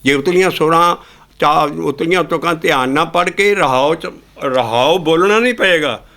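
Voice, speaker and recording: A man's voice: a little high, normal speed, pushed and bright. A man preaching a Sikh sermon, explaining scripture lines and then singing them. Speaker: kirtan singer and preacher.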